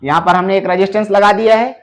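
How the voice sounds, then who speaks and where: A man walks through a circuit repair lesson in a fairly high voice. He talks in a patient, step-by-step tutorial manner, filling pauses with short check-ins to the viewer. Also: steady tone. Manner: explains slowly, filling gaps with "theek hai" and "doston". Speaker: electronics repair teacher.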